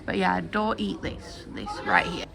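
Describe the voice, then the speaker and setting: A woman's voice: fairly low pitch, big pitch swings, unhurried, creaky, crowd noise, background noise. A young British woman vlogging at home, chatting and rambling with lots of ums, recorded on her phone camera held at arm's length. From United Kingdom. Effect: phone video recording. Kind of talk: casual chat to camera. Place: indoors at home.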